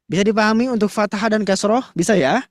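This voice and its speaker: A man teaching Quran reading in an online class, demonstrating mouth shapes and chanting syllables in a casual, lively way. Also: high voice, fast talker, no room sound, studio quality. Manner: addresses the mothers in class warmly and casually.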